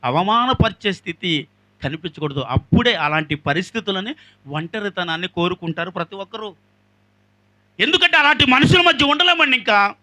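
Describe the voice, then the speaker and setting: A pastor preaching an emphatic sermon, swinging between loud outbursts and hushed passages and calling on the congregation. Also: male voice, sits high, animated, moderate pace. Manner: asks the congregation questions.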